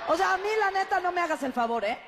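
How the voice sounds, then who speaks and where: A woman's voice: extremely high pitch, lively intonation, fast talker, fairly bright tone. A woman playing a sarcastic, scolding girlfriend in a comedy sketch. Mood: annoyed. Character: angry girlfriend scolding her partner.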